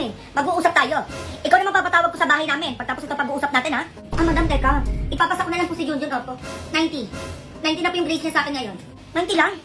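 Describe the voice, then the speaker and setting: A woman from the Philippines performing sassy, scolding comedy skit dialogue. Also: sits high. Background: background music.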